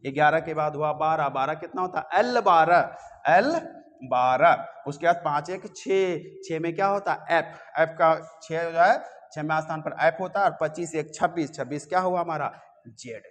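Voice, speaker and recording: A man's voice: on the high side, fairly even intonation, normal speed, hardly any pauses, long reverb tail. A man teaching a reasoning class in a coaching classroom, coaxing his students and checking often that they follow. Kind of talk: classroom lecture.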